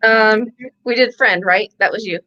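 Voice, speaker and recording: A woman chatting casually, quick to laugh and joke at her own expense. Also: mid-range voice, bright, forceful tone, dull audio. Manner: chatty, laughing, self-deprecating. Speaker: co-host. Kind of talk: casual chat.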